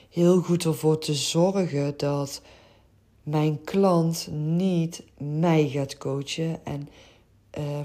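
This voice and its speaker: Slow, low-voiced Dutch podcast woman. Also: dark tone. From Netherlands. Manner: earnest, open, with frequent hesitations. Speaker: podcast host and childcare coach. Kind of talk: reflective podcast monologue.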